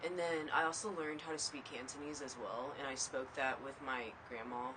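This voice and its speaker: Give me a young man whose first language is Mandarin Chinese, talking casually with plenty of fillers, with clear background ambience. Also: mid-range voice, normal speed, background noise. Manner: relaxed, hesitant, frequent fillers. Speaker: interviewee. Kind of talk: casual interview answers.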